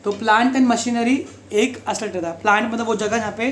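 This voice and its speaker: A man's voice: sits high, moderate pace, fairly bright tone. A male tutor drills a class on grammar, firing questions at his pupils and throwing in English example sentences. His voice rings through a bare, echoey classroom. Faint noise sits underneath. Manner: quizzes pupils, mixes English lines into Hindi, keeps asking "समझा?". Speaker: teacher.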